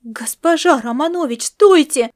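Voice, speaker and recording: An anxious young woman, urgently pleading and tripping over her words, as a woman voices her in an audiobook. The voice jumps high and loud with alarm. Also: unhurried. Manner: urgent, stammering plea.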